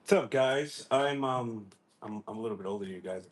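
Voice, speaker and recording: A man's voice: medium pitch, a little fast. A man in his forties chatting as a guest on an online call, meandering and hedging with lots of ums. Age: 40s. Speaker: guest, tech architect. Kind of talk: casual online group chat.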